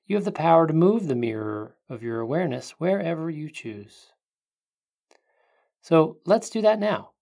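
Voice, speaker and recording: Gentle, hushed guidance comes from a meditation narrator who sounds like a sleep story narrator. The mid-range voice is creaky and leaves long pauses between phrases.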